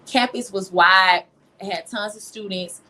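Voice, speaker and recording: This singer-songwriter, a young adult from Louisiana in the United States, talks a little slowly with a medium-pitched, sharp-toned voice and a Southern accent. As a guest in a relaxed interview, she chats informally and emphatically.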